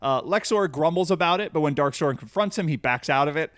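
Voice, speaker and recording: A man's voice: fairly high pitch, lively intonation, brisk, a bit bright, no echo, studio quality. Amused man co-hosting a podcast. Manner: amused, laughs often, swears casually. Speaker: podcast co-host. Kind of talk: casual podcast chat recapping a cartoon.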